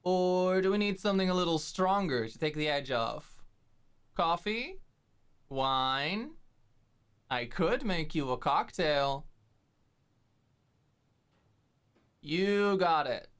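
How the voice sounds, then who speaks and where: In an intimate ASMR roleplay, a woman plays a doting, eager, dominant ex-manager girlfriend at home, affectionately fussing over and coaxing the listener. Her fairly low voice is expressive, clear and resonant, and she takes it slowly. The recording is dry.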